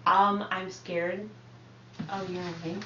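Soft-spoken young woman, bright, echoey room. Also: mid-range voice, level tone, slow. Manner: hedging, filler-heavy, soft-spoken. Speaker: content creator on a live reality stream. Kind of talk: casual chat. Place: indoor room in a reality house. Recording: echoey room, distant from mic, dull lo-fi, faint hiss.

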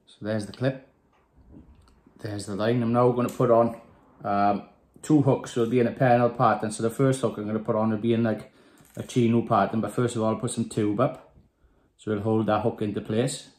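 A Welsh angler in his thirties sits at a desk, calmly and plainly explaining a fishing rig while tying knots, casual and step by step. His lowish voice keeps a moderate pace, and the phone camera on the desk captures the echo of a small indoor room with windows.

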